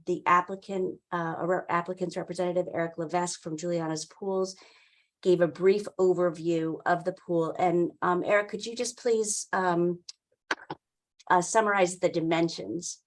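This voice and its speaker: An older woman speaks on a video call in a slightly low voice. She briefs a meeting informally, in a halting, explanatory way, pausing often mid-phrase. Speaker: town wetlands staffer running a public meeting. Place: indoor room, on a video call. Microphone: computer mic on a video call.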